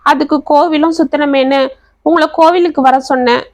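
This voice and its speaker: A woman's voice: sits high, fairly even intonation, brisk, no room sound, lightly acted. A woman voicing a tearful, pleading young woman in love.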